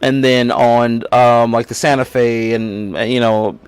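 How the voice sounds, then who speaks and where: A man's voice: mid-range voice, flat delivery, measured pace, clean tone, no echo. A man hosting a casual livestream, talking in a rambling way and reading viewers' chat aloud. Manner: rambling and casual, with many restarts and fillers. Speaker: livestream host.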